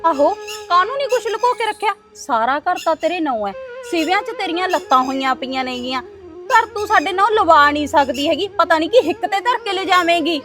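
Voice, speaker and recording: A woman's voice: very high-pitched, animated, fairly quick, a bit bright, faint music behind. A woman playing a greedy, spiteful daughter-in-law who taunts her mother-in-law. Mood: taunting. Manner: sneering, taunting.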